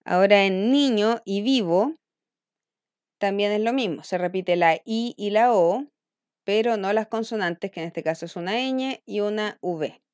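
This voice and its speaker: A woman's voice: medium pitch, a little slow, darkish tone, clean tone, dry recording. Woman, young adult, school teacher, step-by-step explaining, dry close sound. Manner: explains step by step, checking in with frequent "¿ya?". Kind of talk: recorded online lesson.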